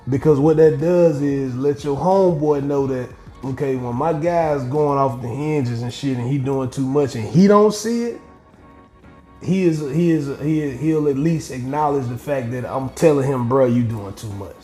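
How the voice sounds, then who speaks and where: A middle-aged man hosting a podcast, talking bluntly with lots of profanity and animated storytelling in casual chat. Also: medium pitch, moderate pace. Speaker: podcast host. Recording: echoey room with faint music.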